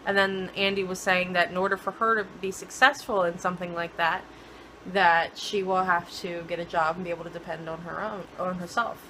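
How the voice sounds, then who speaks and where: A woman's voice: on the low side, little pitch movement, a little fast, bright, forceful tone, a little hiss or hum, rough recording. A woman co-hosting a casual TV recap chat, talking chattily and mimicking characters playfully. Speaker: podcast co-host.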